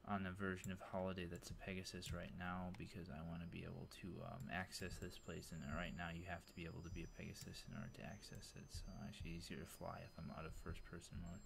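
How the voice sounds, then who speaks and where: Man, very low voice, loose enthusiastic game-tour commentary; hissy home recording. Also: fairly even intonation, fast talker, vocal fry, hardly any pauses. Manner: rambling, filler-heavy, enthusiastic. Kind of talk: casual gameplay commentary.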